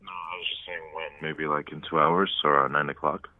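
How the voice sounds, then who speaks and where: Man, extremely deep magnetic voice, casual phone talk, tinny narrow line, dry sound. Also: steady tone, brisk, no echo. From Miami. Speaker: male escort taking a phone call.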